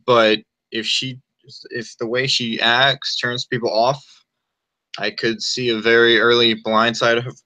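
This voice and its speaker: Bright-voiced young man, measured. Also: medium pitch, low-quality recording. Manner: measured, frank opinions. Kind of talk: casual group call chat.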